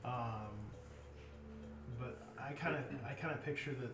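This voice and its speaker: A man's voice: mid-range voice, unhurried, far from the mic. Man thinking aloud, off-mic. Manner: thinks aloud with many ums and restarts. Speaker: player in a worldbuilding game. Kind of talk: casual group chat. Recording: echoey room, off-mic, with music.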